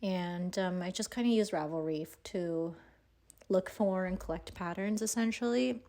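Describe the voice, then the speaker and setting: A woman's voice: on the low side, moderate pace, warm tone. A young woman with a sore throat and slightly grainy voice, chatting casually and a bit hesitantly into a handheld phone in a rambling, informal way. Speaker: vlogger and yarn dyer. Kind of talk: casual chat to camera. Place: indoors in a house under renovation.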